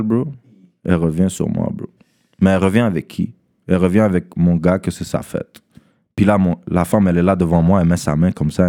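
Young man, lowish voice, casual slangy storyteller with English words mixed in. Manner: animated, slangy, mixes in English, keeps asking "tu comprends?". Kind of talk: casual storytelling among friends.

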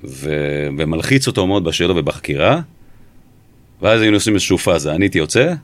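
A former police interrogator tells his story in an interview, his voice low and set down with firm, measured emphasis. He is recorded dry and close, with no room sound. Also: animated, no room sound.

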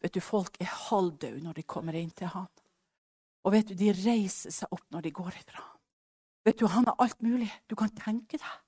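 A woman preacher telling a personal testimony in a storytelling sermon, acting out the dialogue and dropping to hushed asides. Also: mid-range voice, breathy edge, no echo, clean studio sound.

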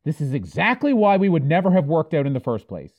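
An actor playing an earnest, hot-headed heroic knight who speaks with indignant passion in an audio drama. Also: male voice, a little high, big pitch swings, quick pace, darkish tone, lo-fi sound. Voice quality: impassioned, indignant.

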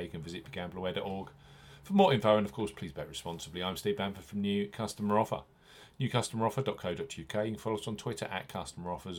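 A man hosting a podcast, reading scripted betting promotions like an announcer, leaning hard on key phrases. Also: low-pitched. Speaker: podcast host.

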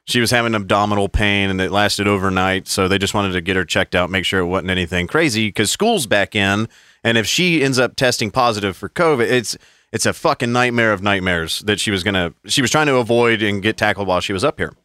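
A podcast co-host rambles through long stories in casual, profane chat, swearing heavily and mocking people's voices when quoting them. He speaks fairly quickly in a lowish, pushed, bright voice with a clear, resonant tone, recorded at studio quality with no room sound.

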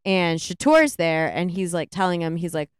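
A woman co-hosting a podcast, retelling a film's plot in a rambling, animated way with lots of "like"s. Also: lowish voice, normal speed, clean tone, dry recording, clean studio sound. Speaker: podcast co-host. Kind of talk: casual movie review chat.

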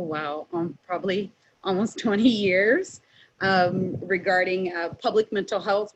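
Husky woman on dull lo-fi call. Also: fairly low pitch. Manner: chatty, self-correcting. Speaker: mental health professional, panelist. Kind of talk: casual self-introduction. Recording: dull lo-fi video call audio.

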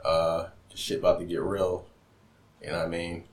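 A man co-hosting a casual chat, talking in a relaxed, rambling way full of filler phrases. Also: sits low, moderate pace, reverberant.

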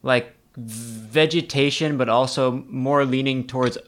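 A man tasting tea in a casual chat, relaxed and joking, with frequent "like" and "um" fillers. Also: mid-range voice, measured pace. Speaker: tea enthusiast guest.

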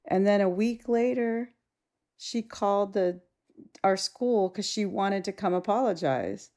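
A woman's voice: mid-range voice, a little slow. A woman co-hosting a casual podcast, a teacher telling a story frankly and acting out what people said. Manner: animated storyteller, acts out dialogue, frank and blunt. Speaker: podcast co-host; school teacher.

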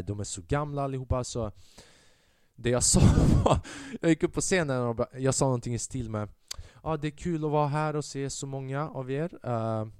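A man hosting a solo podcast, telling a stand-up story in a casual, profane and animated way and acting out the voices he quotes. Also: mid-range voice, clean tone, dry recording, studio quality. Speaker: podcast host and stand-up comedian.

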